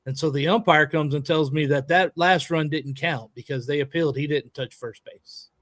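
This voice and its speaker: A man co-hosting a podcast, telling a story in a lively, emphatic way and acting out a heated argument. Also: on the high side, normal speed, dry recording. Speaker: podcast co-host and youth baseball coach. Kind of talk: animated storytelling in casual chat.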